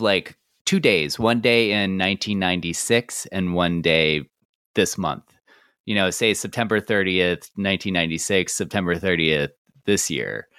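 A man's voice: low-pitched, fairly bright tone, clean tone, no echo, clean studio sound. A man co-hosting a podcast, musing aloud in a rambling, casual way with fillers. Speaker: podcast co-host.

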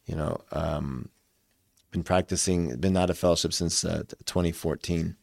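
A man in his early forties giving conversational interview answers as a doctor guest, with halting phrasing. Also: low voice, fairly even intonation, creaky, a little mellow, dry recording, clean studio sound. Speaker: interview guest, surgical oncologist.

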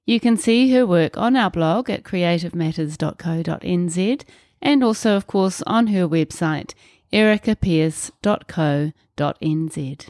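A woman hosting a podcast interview, her voice a little low and recorded close in a dry room. She reads her introduction smoothly, then slips into relaxed, friendly conversation. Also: measured pace, no echo. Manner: warm scripted introduction, then relaxed chat. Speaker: podcast host.

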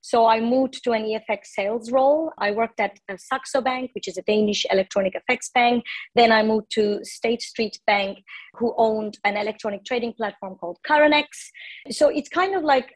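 A woman's voice: mid-range voice, low-quality recording. Woman from Turkey in her forties. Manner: measured, explanatory, with small restarts. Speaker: podcast guest, banking executive. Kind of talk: interview answers.

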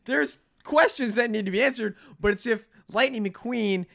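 A young man co-hosting a casual comedy podcast, rambling and animated with lots of fillers. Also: extremely high pitch, moderate pace, creaky. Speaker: podcast co-host.

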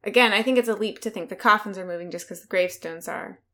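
A woman's voice: mid-range voice, fast talker, pushed and bright. A woman co-hosting a comedy podcast, chatting casually with wry, irreverent jokes. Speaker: podcast co-host.

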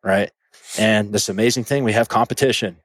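A man's voice: lowish voice, fairly even intonation, brisk, dry recording. A man, a shooting instructor, talking earnestly in a casual podcast conversation, often restarting his words.

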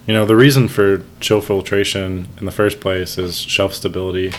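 A man with a fairly low voice in a casual group discussion. He explains in a measured manner, with faint noise in the background. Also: flat delivery. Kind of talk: casual explanatory panel chat.

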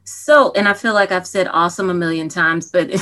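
Bright-voiced chatty woman host. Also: lowish voice, normal speed. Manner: chatty, laughs often, playful banter. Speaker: podcast host. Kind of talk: casual interview chat.

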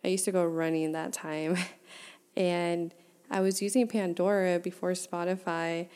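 A woman's voice: lowish voice, fairly even intonation, a little slow, darkish tone, smooth. A woman in her twenties hosting her own podcast, talking candidly and chattily and laughing at herself. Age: 20s. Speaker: podcast host. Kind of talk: casual solo podcast talk.

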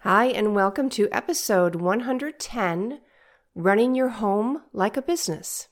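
An older woman with a congested, nasal voice from a stuffed-up head, giving a measured, instructive coaching monologue as a podcast host. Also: medium pitch, animated, faint music behind.

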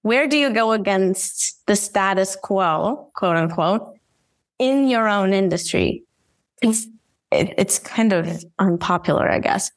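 A woman's voice: medium pitch, lively intonation, slow, no room sound. Woman, interview guest, enthusiastic, laughs often, dry close sound, video call. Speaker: guest, brand designer. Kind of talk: casual podcast interview. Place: room at home with red cabinet.

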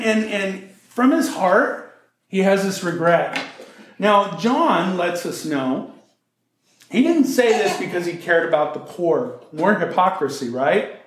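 A man's voice: high voice, roomy sound. A male pastor preaching a sermon in a conversational way, with joking asides.

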